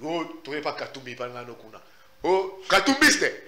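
A man's voice: a little high, very animated, normal speed, a crowd in the background. A man speaking French with a Congolese accent, a journalist giving emphatic, insistent answers in an interview. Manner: emphatic and insistent, repeats himself. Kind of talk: animated interview answers, mixing in Lingala.

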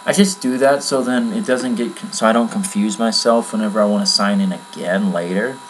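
A man giving a casual, rambling screen-recorded software tutorial from his computer at home, with many fillers. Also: lowish voice, brisk, slight background noise, low-quality recording. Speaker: tutorial maker.

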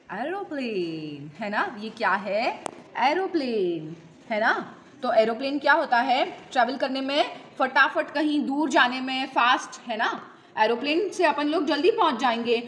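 A high, bright-voiced woman leads a kindergarten lesson, drawing out each word slowly. She asks the children questions and repeats each word pair in a sing-song way. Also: a little hiss or hum. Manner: slow, drawn-out sing-song repetition for small children. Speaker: kindergarten teacher.

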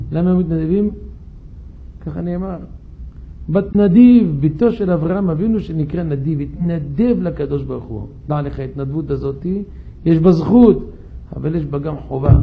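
A man's voice: sits high, vocal fry, narrow, tinny audio. A man, a rabbi, telling a story in a synagogue sermon and questioning his listeners. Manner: animated, questions the audience.

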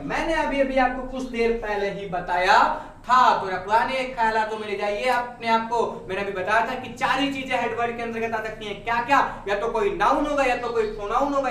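Speaking a little fast in a very high, slightly bright voice, a young adult man gives an English grammar lesson at a whiteboard. He raises rhetorical questions and supplies the answers himself. The distant camera catches him off-mic in an echoey room, with slight background noise.

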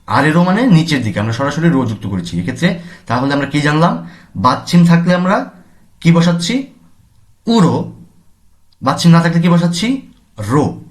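A man from Bangladesh teaching a language lesson, slowly saying each word and then its meaning, repeating terms for his students. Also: a little high, very animated. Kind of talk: classroom lesson explanation.

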